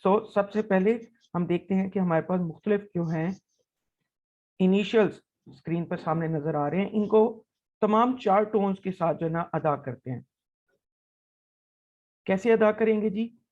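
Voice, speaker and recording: A man gives a language lesson at an unhurried, slow pace, modeling each syllable twice. He checks in often with the listener as he explains. The recording sounds dull and lo-fi. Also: high-pitched, a little mellow. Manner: patient, step-by-step explaining with frequent "right?" checks. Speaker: Chinese language teacher.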